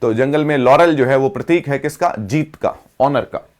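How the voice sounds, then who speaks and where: A man teaching English vocabulary, explaining each word in Hindi with slowly read English definitions and asking the class to repeat. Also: medium pitch.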